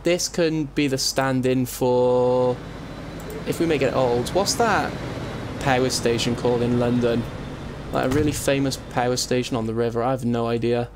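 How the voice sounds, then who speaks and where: This let's play host's gameplay commentary is casual and meandering, as he thinks aloud and keeps interrupting himself. His voice is medium in pitch and moderate in pace. It's a voice-over on a compressed desktop mic, with typing and faint room noise audible.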